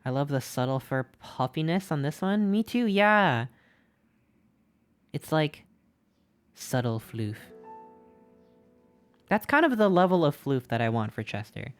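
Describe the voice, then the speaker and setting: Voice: mid-range voice, a little slow, long pauses, smooth. Gushing, breathless streamer. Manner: gushing, excitable, repeats itself. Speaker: streamer reviewing fan art. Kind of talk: casual live-stream chat. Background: faint background music.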